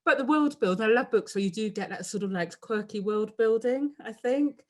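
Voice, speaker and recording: A woman's voice: a little high, a little fast, a little mellow. A woman with a London accent, an author being interviewed, chatting casually over a video call, laughing often and trailing off mid-sentence. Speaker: author guest.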